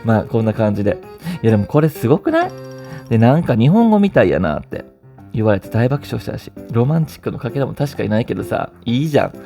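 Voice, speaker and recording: A man's voice: medium pitch, sing-song, fast talker, creaky, mellow, soft background music. A man with a Kansai Japanese accent hosting a vlog, chatting casually and playfully while reading out listener stories. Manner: chatty and playful, often laughing and teasing. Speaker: vlog host.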